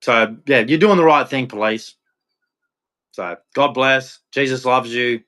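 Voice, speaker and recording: Medium pitch, measured pace, and a bright, forceful tone mark this Australian man's voice. Streaming live, he delivers a blunt, confrontational monologue to chat that ends in a preachy religious sign-off.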